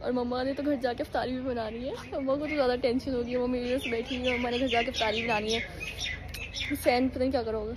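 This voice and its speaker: A woman's voice: on the high side, fairly even intonation, quick pace. A young woman, a university student, chatting casually and rambling in a giggly way for her vlog. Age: young adult. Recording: crowd and noise behind.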